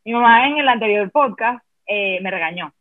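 A woman's voice: mid-range voice, expressive, moderate pace, dry recording. A woman hosting a casual podcast, speaking frankly and rambling with lots of fillers. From Venezuela. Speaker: podcast host. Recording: dry, phone-like sound.

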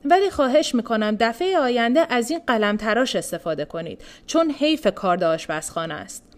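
A woman's voice: on the high side, expressive, close to an everyday voice. A woman reading the part of a mocking, playful older prince in a storybook reading. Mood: teasing. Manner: teasing, then shouting. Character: sly, mocking older prince who loves jokes.

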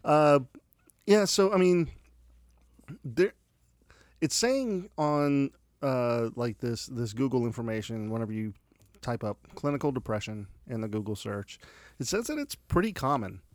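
Casual swearing podcast host. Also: male voice, medium pitch, lively intonation, measured pace, no echo. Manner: casual, swears freely, laughs often. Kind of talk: casual chat.

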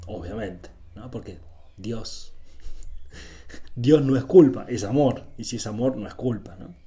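This Argentine man, speaking with an Argentine accent, gives an informal spiritual talk as a teacher. His voice is lowish, a little slow, and dark in tone, and he teaches didactically with repeated phrases and short rhetorical check-ins.

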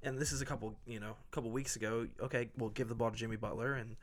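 A man's voice: medium pitch, fairly even intonation, rapid-fire. An American man hosting a casual sports discussion among friends, giving his opinions in informal language. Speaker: sports podcast host.

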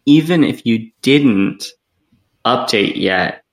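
Gravelly man in an echoey room. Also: medium pitch, animated, slow. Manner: loose and rambling, many "like" and "um" fillers. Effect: echoey room sound. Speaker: podcast co-host. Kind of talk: casual tech podcast chat. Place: small attic meeting room in a co-working space. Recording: echoey room, remote podcast call.

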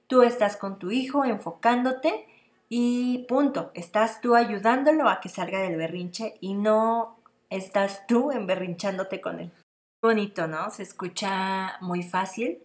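A woman's voice: medium pitch, measured pace. Woman, podcast host; earnest, direct-address parenting advice with repeated phrasing. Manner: earnest, speaks straight to the listener, repeats phrases for emphasis. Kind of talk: casual advice monologue.

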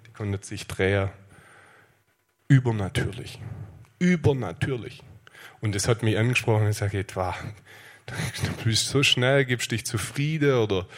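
Male pastor, low-pitched, passionate sermon delivery with big swings in volume. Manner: passionate, rises to loud high calls then drops to quiet storytelling. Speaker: preacher.

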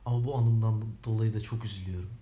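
A man's voice: on the low side, steady tone, very fast, mellow. A young man co-hosting a podcast, chatting casually and teasing, with frequent apologetic asides. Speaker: podcast co-host. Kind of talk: casual comedic chat. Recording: roomy with faint background noise.

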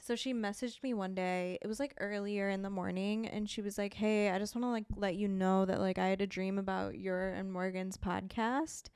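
A woman's voice: medium pitch, steady tone, moderate pace, hardly any pauses, darkish tone, clear, resonant tone, dry recording, studio quality. A young woman co-hosting a podcast in casual chat, laid-back and giggly, with lots of "like" fillers. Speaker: podcast co-host. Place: podcast studio.

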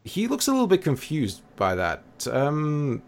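A man's voice: a little high, huge pitch swings, a little slow. A man narrating a tabletop role-playing game as game master.

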